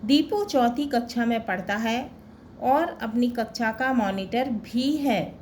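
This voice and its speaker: A woman teacher reading a textbook exercise at a very slow, careful pace, in a fairly high voice. She reads the questions and answers aloud and pauses after each listed word. Faint noise hums behind her. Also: a little mellow. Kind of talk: slow, deliberate textbook lesson.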